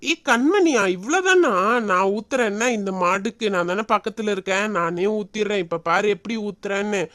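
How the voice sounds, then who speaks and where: A woman's voice: medium pitch, moderate pace, fairly bright tone, no room sound, studio quality, natural voice. A woman voicing a mischievous, boastful young boy in a doll-play skit. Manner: boastful, then pleading.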